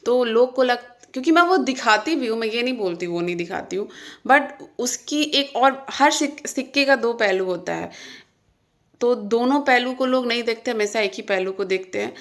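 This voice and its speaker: A woman's voice: fairly high pitch, lively intonation, normal speed. A young woman vlogger, talking casually to camera and venting, earnest and emphatic as she retells a fight. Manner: frustrated, venting. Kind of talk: casual vlog talk to camera.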